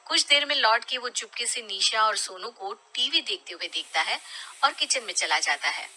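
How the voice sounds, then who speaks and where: A woman narrating a cartoon story in a hushed, low-key way. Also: rough recording.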